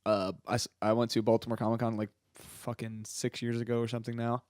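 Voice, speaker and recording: A man's voice: medium pitch, monotone, fast, darkish tone, no room sound, studio quality. A man in his thirties hosting a casual film podcast, telling stories in a rambling, laughing way. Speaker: podcast host.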